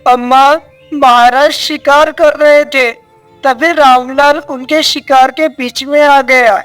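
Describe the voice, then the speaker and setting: A storyteller voicing a court minister in an animated story, explaining slowly and carefully. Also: high-pitched, soft background music, pitched above the performer's own voice.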